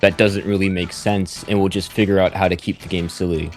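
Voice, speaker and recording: Low-voiced man ranting about game development. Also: brisk, soft background music. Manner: loose, rambling, slips into animated rants. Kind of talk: casual co-host chat about game development.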